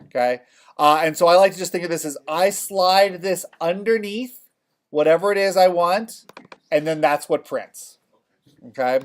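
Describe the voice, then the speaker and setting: Male instructor, a touch high-voiced, casual and talkative, walking a class through software. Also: moderate pace. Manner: chatty, checks in with "okay?" often. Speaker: college theater design instructor.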